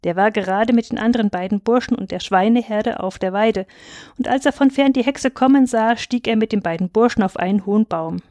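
A woman reading a fairy tale aloud in a clear, steady narrating manner. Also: on the high side, a little fast, no echo. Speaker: reader. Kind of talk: storybook reading.

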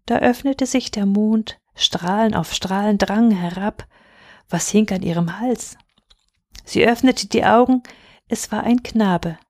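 A woman reading a fairy tale aloud in a calm, measured storytelling manner. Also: mid-range voice, dry recording, clean studio sound.

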